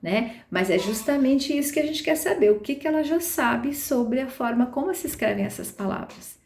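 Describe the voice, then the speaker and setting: A woman's voice: high-pitched, lively intonation, normal speed, darkish tone. Woman, patient lecturer, explains step by step with tag questions, recorded in a roomy space. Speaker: literacy teacher trainer.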